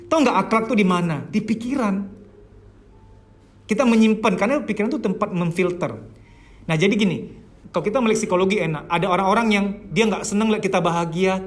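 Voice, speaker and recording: A man who works as a therapist, giving a lively, casual seminar lecture and speaking straight to his listeners. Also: high-pitched. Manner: animated, acts out quoted thoughts in a raised voice; casual, conversational, addresses listeners directly.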